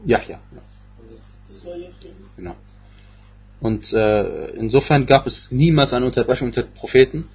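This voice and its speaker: A man's voice: medium pitch, expressive, unhurried, gravelly, pauses often, breathy edge, lo-fi sound. A man giving a religious lecture on scripture, speaking hesitantly with many fillers and restarts. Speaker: Quran exegesis teacher.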